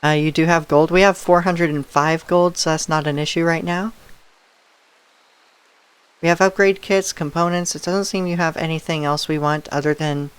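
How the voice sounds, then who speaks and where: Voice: medium pitch, steady tone, moderate pace, smooth. A live streamer giving casual gameplay commentary, musing aloud and thinking through each choice.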